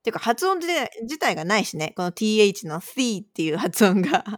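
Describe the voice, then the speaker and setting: A woman's voice: mid-range voice, very animated, quick pace, dry recording, studio quality. A woman co-hosting a casual podcast, patiently explaining words in a chatty, conversational way. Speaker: podcast co-host posing quiz words.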